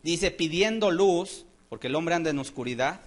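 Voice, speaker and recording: A man with a high, light voice preaches a sermon in a church. His delivery is impassioned, swelling into loud exclamations and falling back into quiet asides. He keeps turning to the congregation for agreement. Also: lively intonation, moderate pace. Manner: addresses the congregation as "hermanos", asking "¿cierto o no?".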